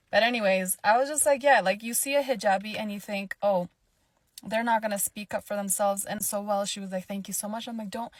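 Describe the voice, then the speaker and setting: A woman's voice: medium pitch, dry recording. A woman telling a heated, profane story in a vlog rant, blunt and outspoken. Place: Manila.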